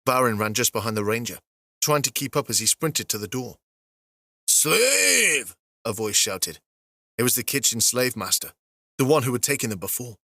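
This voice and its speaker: A male audiobook narrator reads an epic fantasy in a steady, even storytelling voice. His pitch sits in a middle range, and the recording is dry and close with no room sound. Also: quick pace, no echo.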